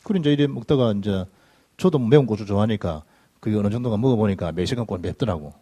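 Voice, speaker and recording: A middle-aged man preaching a sermon, telling stories in an animated way with sudden loud bursts. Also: lowish voice, fast, breathy edge. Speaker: pastor. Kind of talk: sermon with personal anecdotes. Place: church sanctuary.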